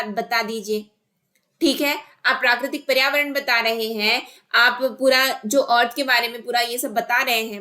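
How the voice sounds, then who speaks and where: Bright-voiced woman teaching an online class. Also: fairly high pitch. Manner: explains by asking and answering her own questions. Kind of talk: online exam-prep lesson.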